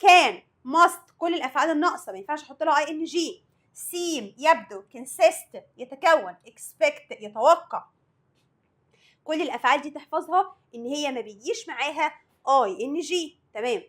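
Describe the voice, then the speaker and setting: A woman with an Egyptian Arabic accent teaches English grammar in a high voice. She works through exam questions one at a time, asking the students and answering for them. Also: lively intonation, normal speed, fairly bright tone. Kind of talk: exam review lesson.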